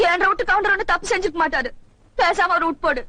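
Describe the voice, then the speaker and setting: An actress playing a pleading, protective village wife. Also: female voice, very high-pitched, fast, bright, forceful tone, no room sound. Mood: indignant. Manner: pleading, indignant. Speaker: arrested man's wife. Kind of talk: film comedy acting.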